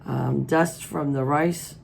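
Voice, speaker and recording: Froggy, gravelly middle-aged American woman. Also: sits low, fairly even intonation, slow pace, darkish tone, slight background noise. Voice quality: froggy, hoarse. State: congested with allergies. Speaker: host of a colouring channel. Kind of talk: casual vlog chat. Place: indoors at a wooden table.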